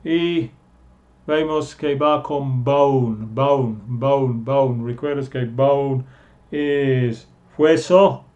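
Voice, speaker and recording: A man teaching pronunciation in a slow lesson, drawing out and repeating each vowel sound. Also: medium pitch, a little mellow, highs cut off. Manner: drawn-out, repeats sounds slowly. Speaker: English teacher.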